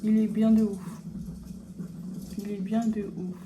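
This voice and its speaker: A young woman from French Guiana, a beauty vlogger chatting casually while doing her makeup, with relaxed slangy asides. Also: mid-range voice, takes it slowly, background noise. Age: young adult.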